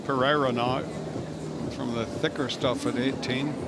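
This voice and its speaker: A man's voice: mid-range voice, fairly even intonation, measured pace. A man giving live golf commentary as a tournament commentator, calling shots as they happen. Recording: loud crowd and wind outdoors. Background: outdoor tournament ambience, crowd noise.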